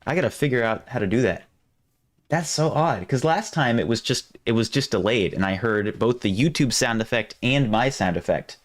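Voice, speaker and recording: A man hosting a live stream, chatting casually and thinking aloud, his voice going hoarse. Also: mid-range voice, animated, moderate pace. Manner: rambling, restarts often, thinks aloud. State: losing his voice.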